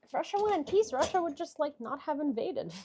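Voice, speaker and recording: A young Ukrainian woman with a Ukrainian accent hosts a casual livestream, reading viewer questions in a high-pitched, animated voice at a fairly quick pace. She's chatty, full of fillers and restarts, talking over headphones with background noise present.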